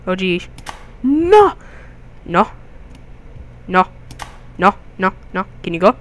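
Excitable young man doing game commentary. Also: high voice, takes it slowly. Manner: excitable, jokey, crude outbursts. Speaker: gaming video host. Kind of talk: gameplay commentary.

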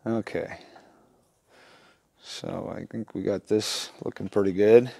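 Speaking slowly in a lowish, creaky, dark voice with a steady tone, a middle-aged instructor guides viewers of a how-to video through a repair one step at a time. His hands-on talk is casual, plain-spoken and folksy, set at a workbench in a small indoor wooden workshop.

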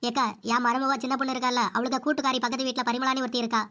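A woman's voice: high voice, little pitch movement, rapid-fire, sharp tone. A woman putting on a whiny old mother-in-law. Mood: complaining. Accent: Kanyakumari Tamil. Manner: complaining, whiny. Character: older mother-in-law, beaten and whining.

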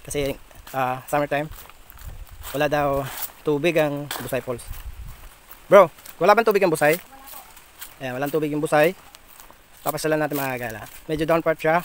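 A travel vlogger hikes a rural forest trail outdoors, chatting cheerfully and excitedly, shouting greetings, cheering and thanking people he passes, and laughing often. His voice is a little high, at normal speed with long pauses. The recording has slight hiss or hum.

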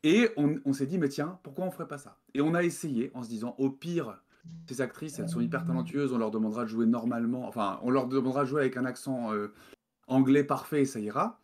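A man's voice: mid-range voice, quick pace, a little mellow. A man from France, a game developer guest, talking casually in an interview over a video call, hesitant with many fillers and restarts.

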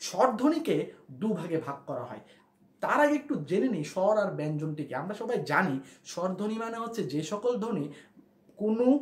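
A man's voice: high voice, echoey room, low-quality recording. A man teaching a grammar lesson, who explains step by step, repeats key points and asks his listeners questions. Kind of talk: classroom lesson explaining at a board.

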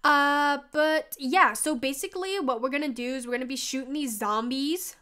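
In casual gameplay chat, a teenage girl YouTuber speaks in a high-pitched voice at a moderate pace, with a sharp tone and the nasal stuffiness of a cold. She rambles on, full of "like", and lets out yelps and laughs while she plays.

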